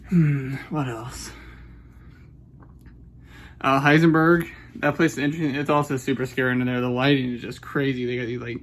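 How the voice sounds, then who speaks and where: A man's voice: mid-range voice, level tone, normal speed, pauses often. Rambling, cursing man in his twenties. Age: 20s. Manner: rambling, profane, self-conscious. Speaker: game reviewer. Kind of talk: casual game review monologue.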